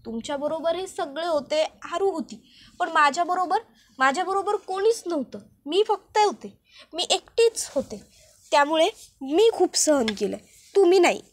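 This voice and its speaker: A woman voicing a drunk young wife who rambles and rants loudly. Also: high voice, lightly acted. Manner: slurring, loud ranting.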